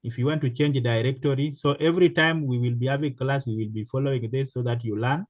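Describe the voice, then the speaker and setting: A man teaching a programming class in a slow, halting way, with many fillers and restarts. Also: mid-range voice, steady tone, dry recording. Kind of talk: live online class instruction.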